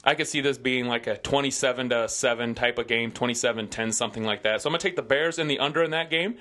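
Fast, bright, and forceful, a mid-range male voice with a Midwestern American accent rattles off football picks. He co-hosts a sports podcast from a studio mic, sure of himself and loose in his banter.

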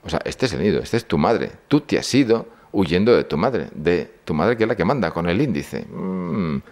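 Deep-voiced older man from Spain, lecturing. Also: sing-song, normal speed, a little mellow. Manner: storytelling, acts out dialogue. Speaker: speaker on psychology and symbolism.

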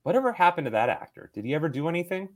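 A man's voice: a little high, sing-song, very fast. A man co-hosting a casual movie podcast, talking enthusiastically with lots of fillers. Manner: enthusiastic, rambling with many fillers. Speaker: podcast co-host.

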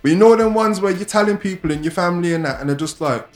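A man's voice: high voice, quick pace, reverberant, faint music behind. A man with an urban London roadman accent chatting casually in street slang as a podcast co-host. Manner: London roadman way of talking, peppered with slang tags.

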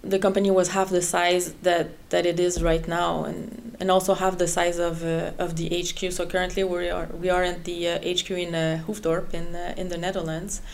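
A middle-aged woman from French Canada, head of HR, chats in English as an interview guest with a French Canadian accent. Her fairly low, gravelly voice barely shifts in pitch, moves at a moderate pace with few pauses, and is full of fillers and repeated words.

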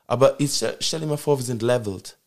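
A man's voice: medium pitch, quick pace, a little mellow. A young man hosting a podcast in casual opinion chat, peppering his talk with slang fillers. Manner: slangy, fills with "weißt du" and "Digga". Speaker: podcast host.

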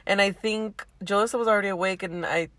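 A woman's voice: medium pitch, steady tone, quick pace, fairly bright tone, no echo. A young woman co-hosting a podcast, telling stories casually with fillers and laughter. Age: young adult. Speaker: podcast co-host. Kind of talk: casual chat.

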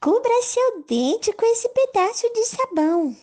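A woman's voice: very high voice, big pitch swings, unhurried, darkish tone, voice pushed up, heavily acted. A Brazilian woman voicing small, eager animals offering cures in a children's story, in a cute, emphatic way. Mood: eager, helpful. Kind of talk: children's storybook character voices.

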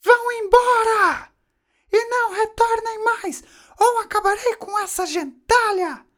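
A man voicing a furious old woman who screams in a shrill, piercing falsetto. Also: a little slow, fairly bright tone. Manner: screaming threats. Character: shrieking furious old woman, bossy and harsh.

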